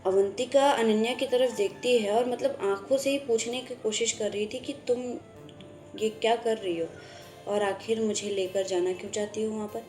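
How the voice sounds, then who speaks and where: A woman's voice: a little high, steady tone, moderate pace. A woman narrating a love story casually, slipping English words into her Hindi and stumbling over restarts. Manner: frequent stammered restarts. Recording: echoey room with soft music behind.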